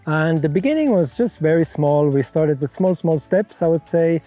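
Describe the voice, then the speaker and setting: A man's voice: fairly high pitch, lively intonation, normal speed, mellow, faint music behind. A middle-aged man from Europe, founder of a conservation center, answering interview questions frankly and laying out worked examples.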